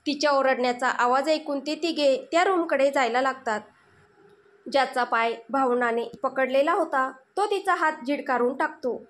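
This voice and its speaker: A woman storyteller giving steady, dramatic scripted narration of a tale. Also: high-pitched, normal speed.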